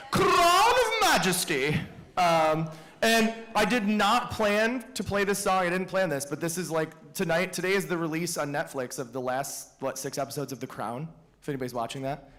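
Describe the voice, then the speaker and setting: A man directing a school band, announcing each song to the audience with chatty, joking asides. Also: medium pitch. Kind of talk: announcing songs at a school concert.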